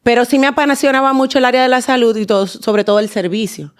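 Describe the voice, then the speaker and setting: Smooth-voiced Dominican woman telling her story. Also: on the high side, fairly even intonation, fast talker. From Dominican Republic. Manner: warm storytelling with many fillers and restarts. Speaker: guest, endodontist and dental teacher. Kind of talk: podcast interview.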